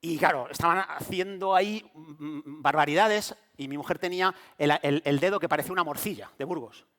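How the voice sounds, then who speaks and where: High-voiced preacher telling a story. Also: male voice, brisk, a bit bright. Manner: storytelling preacher who acts out quoted voices. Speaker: pastor. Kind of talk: sermon.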